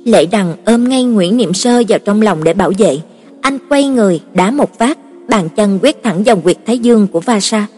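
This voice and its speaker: A woman narrating a novel in a steady, even storytelling voice. Her voice is husky. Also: mid-range voice, moderate pace. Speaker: audiobook narrator. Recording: reverberant, with soft background music.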